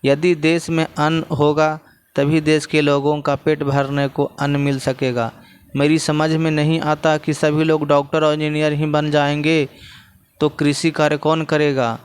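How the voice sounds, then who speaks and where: Male teacher, Bihari Hindi accent, explaining textbook answers, higher voice, smooth and clear. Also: little pitch movement, measured pace. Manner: repeats phrases while pointing at the text.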